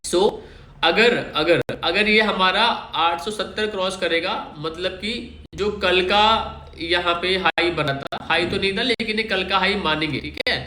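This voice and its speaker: Male trading host, casual explainer, checks in with listeners often; tense bright tone, roomy recording. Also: high-pitched, unhurried. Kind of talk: casual chart walkthrough. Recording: echoey room.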